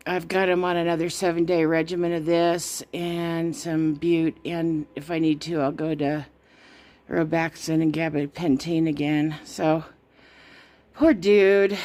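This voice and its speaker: A woman vlogging around her snowy farm outdoors in a chatty way, switching to high sing-song baby talk for her animals. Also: darkish tone. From Colorado. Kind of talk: casual vlog narration.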